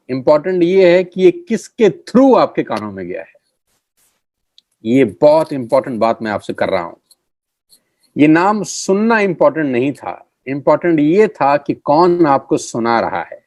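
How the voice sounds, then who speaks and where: A middle-aged man gives a motivational pitch for network marketing and leans hard on his key phrases, repeating them for effect. His voice sits at an ordinary male pitch. The sound is dry and close, with no room echo. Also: a little mellow.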